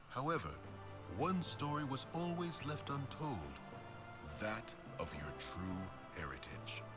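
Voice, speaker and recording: An actor playing a grave, formal storyteller narrating a fantasy video game with theatrical delivery over music. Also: male voice, fairly low pitch. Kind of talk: scripted dramatic narration.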